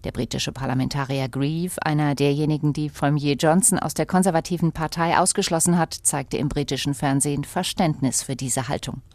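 A woman reporting the news in a clear, matter-of-fact way. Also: sits low, fairly even intonation, a little fast, few pauses, a little mellow, no echo. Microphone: close studio mic.

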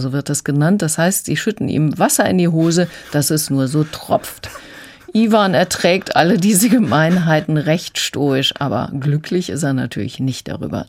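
A woman critic calmly retelling and explaining children's books on the radio. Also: low voice. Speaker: book critic guest. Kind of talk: radio book review.

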